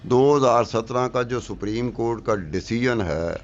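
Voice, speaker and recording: A man's voice: medium pitch, muffled recording. A middle-aged man giving political commentary on a talk show, emphatic and argumentative, repeating his points for effect.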